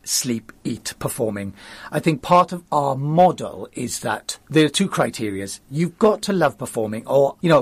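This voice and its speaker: Husky, chatty man with a Welsh accent. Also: on the high side, no room sound. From Wales. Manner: enthusiastic, chatty, quick bursts. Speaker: youth theatre school founder, guest. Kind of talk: conversational interview.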